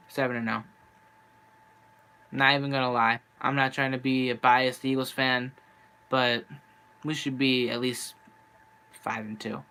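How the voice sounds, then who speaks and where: Recorded on a handheld camera, a young sports fan streamer vents in a frustrated, rambling live-stream monologue, restarting often as he loses his voice. His medium-pitched voice is bright, forceful, and smooth.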